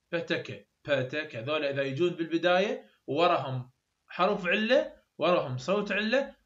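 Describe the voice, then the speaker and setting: A man's voice: on the high side, a bit bright. A man with an Iraqi Arabic accent giving an explanatory lecture as a university tutor, repeating example sounds over and over. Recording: roomy, dull lo-fi sound.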